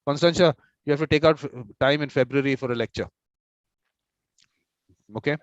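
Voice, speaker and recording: A man's voice: on the high side, moderate pace, dry recording. Talkative man on a dull call. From India. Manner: talkative, repeats words while planning aloud. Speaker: host and mediator. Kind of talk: informal video-call conversation. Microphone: video call.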